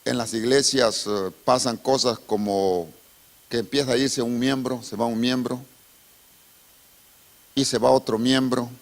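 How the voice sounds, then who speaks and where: A male pastor with a mid-range voice preaches a sermon in church. He tells a story full of strong emotion, moving between hushed and raised delivery.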